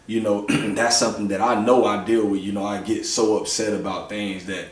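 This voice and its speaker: Laid-back man, low voice, roomy distant sound. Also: flat delivery, normal speed. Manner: reflective, loose, fillers like "you know" and "bro". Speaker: podcast host. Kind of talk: casual conversational interview.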